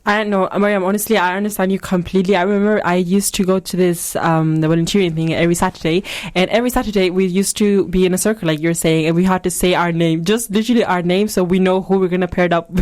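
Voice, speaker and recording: A woman's voice: medium pitch, darkish tone. A young woman from Spain, co-hosting a casual radio chat, telling stories in a chatty way. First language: Spanish. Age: young adult. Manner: chatty, laughs often, storytelling. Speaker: radio co-host.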